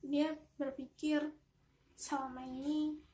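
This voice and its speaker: A young woman in her twenties telling a story to children, slowly and warmly, like a big sister. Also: high-pitched, level tone. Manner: warm, slow, addresses children as their big sister.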